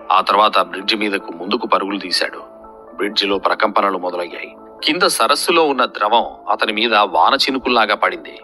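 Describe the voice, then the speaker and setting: Bright-toned male fantasy storyteller. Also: on the low side. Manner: steady, dramatic storytelling. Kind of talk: scripted narration of a fantasy serial.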